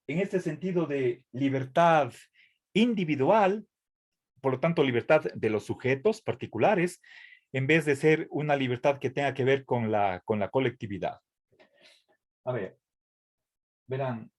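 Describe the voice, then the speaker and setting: In an unhurried, expressive voice of medium pitch, a university lecturer works through a tutoring lecture. His careful explanations come with plenty of fillers, restarts and hesitations, and he often asks "¿sí?" to confirm his students are following.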